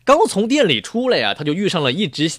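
A man's voice: high voice, huge pitch swings, fast talker, fairly bright tone, no room sound, clean studio sound. A man hosting a show in a chatty, playful way, telling jokes and then giving advice to his listeners. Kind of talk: joke telling and advice talk.

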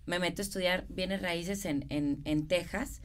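Speaking unhurriedly in a fairly low voice, this middle-aged woman is an interview guest who works as a real estate consultant and architect. Her accent is northern Mexican, the regio speech of Monterrey, and she explains things casually with everyday examples.

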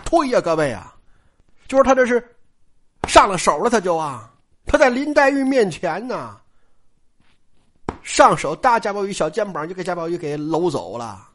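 A woman's voice: lowish voice, sing-song, normal speed, pauses often. A woman storyteller retelling a classic novel in a chatty, colloquial way, often turning to address her listeners directly.

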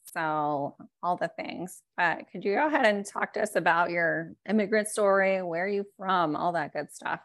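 Chatty low-voiced woman host. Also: moderate pace, hardly any pauses, a bit bright, dry recording. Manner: chatty, friendly, uses filler "like". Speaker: podcast host. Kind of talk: casual interview chat.

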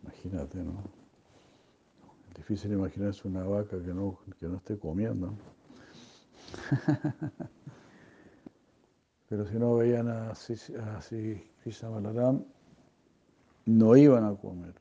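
Slow, gravelly man teaching scripture. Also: lowish voice, lo-fi sound, a little hiss or hum. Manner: halting, with many fillers and soft chuckles. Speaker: spiritual teacher. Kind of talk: scripture reading and class.

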